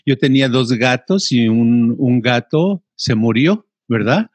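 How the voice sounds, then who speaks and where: A man's voice: medium pitch, slow, no room sound. An older man, chatting casually and rambling, filling gaps with playful sounds. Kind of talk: casual conversation.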